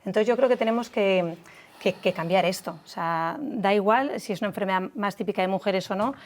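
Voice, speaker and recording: Measured woman doctor explaining calmly. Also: medium pitch. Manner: measured, explanatory, with hesitant restarts. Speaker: guest, doctor. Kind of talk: explanatory talk-show discussion.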